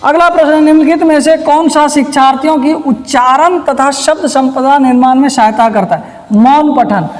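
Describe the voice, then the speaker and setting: A woman's voice: high-pitched, moderate pace. A woman teacher working through past exam questions step by step. She keeps asking a rhetorical question and answering it herself, and she repeats the key terms. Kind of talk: recorded lesson solving past exam questions. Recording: long reverb, echoey room.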